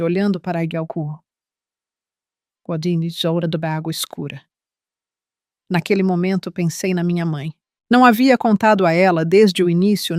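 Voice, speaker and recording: A woman reading a scripted first-person story in a measured, reflective way. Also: on the low side, darkish tone, no echo, clean studio sound. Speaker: narrator.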